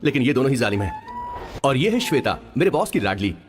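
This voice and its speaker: A man's voice: medium pitch, sing-song, fast talker, natural voice. An actor dubbing a chatty young assistant who narrates his boss's story, comic in tone, with faint music behind. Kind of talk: Hindi film dub narration.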